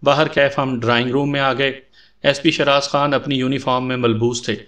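A man's voice: medium pitch, flat delivery, fairly bright tone. A man reading an audio story aloud as its narrator, speaking the characters' lines in his own voice. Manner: reads all the characters' dialogue in his own voice.

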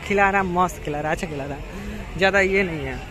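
A young adult travel vlogger walks through a busy amusement park, giving casual, repetitive commentary to viewers on a handheld phone or camera held at arm's length. His voice is high-pitched and quick. Crowd chatter, outdoor ambience and vehicle din make the recording noisy.

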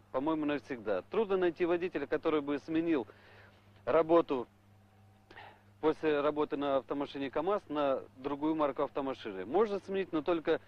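Higher-voiced man, composed driver testimonial. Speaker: truck driver interviewee. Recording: muffled old film soundtrack.

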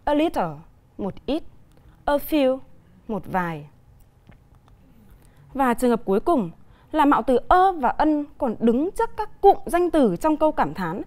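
Vietnamese-accented woman teacher, bright high register, patient televised lesson delivery. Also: very animated. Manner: clear, deliberate explaining with examples. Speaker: English teacher.

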